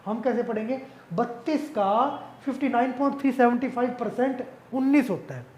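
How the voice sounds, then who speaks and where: A man's voice: extremely high pitch, animated, fairly quick, a little mellow. A male math teacher explaining an exam-prep lesson casually, asking questions and answering them himself.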